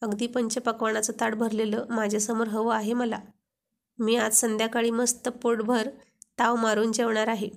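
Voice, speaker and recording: A woman's voice: a little high, little pitch movement, normal speed, creaky. A woman voicing a playful young husband who keeps teasing his wife. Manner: teasing, joking.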